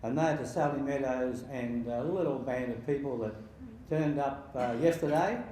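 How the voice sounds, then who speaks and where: A man in his sixties giving an informal wedding speech as father of the bride, halting and jokey with sentimental touches. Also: mid-range voice, dark tone. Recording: very echoey room with faint background noise.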